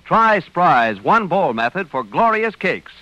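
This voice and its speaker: A man reading a radio commercial as a bright, punchy sales pitch, heard as an old radio broadcast. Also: sing-song, slow pace, no echo, highs cut off. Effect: old radio broadcast sound. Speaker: commercial announcer.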